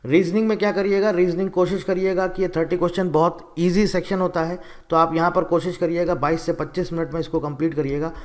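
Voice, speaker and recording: A young man with a fairly high voice gives an exam strategy lecture to his students. He speaks directly and instructively, like a coaching teacher walking the class through a plan. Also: flat delivery, fast, hardly any pauses.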